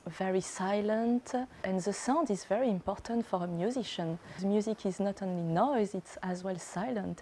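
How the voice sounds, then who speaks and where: A woman from France with a French accent, a guitarist, talking slowly and reflectively with many pauses. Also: mid-range voice, dark tone. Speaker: classical guitarist. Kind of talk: interview monologue.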